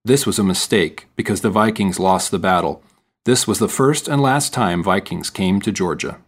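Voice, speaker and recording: A man reading texts and task instructions for a listening exam in a measured, formal way. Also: low-pitched, breathy edge. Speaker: exam narrator. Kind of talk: scripted narration for a listening test.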